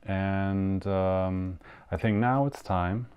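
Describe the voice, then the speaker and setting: A young man whose first language is German hosts a live stream, talking casually and hesitantly with many fillers and restarts. His low voice is smooth and darkish in tone, with fairly even intonation and an extremely slow delivery.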